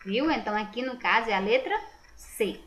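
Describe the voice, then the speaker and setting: In this exam correction lesson, a Brazilian woman teacher talks at a moderate pace in a slightly high, a bit bright, animated voice. With a Brazilian Portuguese accent, she patiently reviews the test, raising rhetorical questions and then answering them as she checks each answer aloud.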